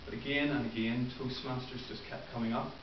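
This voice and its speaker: This is a club member's debut speech, delivered by a Northern Irish man in his twenties in a meeting room. He speaks briskly at medium pitch with fairly even intonation, sincere and rehearsed, though ums and uhs crop up often. The audio is roomy, far off, muffled, and hissy.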